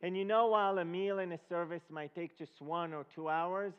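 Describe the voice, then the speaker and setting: A higher-voiced male preacher from Israel, steady and smooth in tone, guest-leads a Passover presentation in a reverberant hall before an audience. His ceremonial teaching is halting, interspersed with questions checking the listeners, and the recording sounds dull and lo-fi.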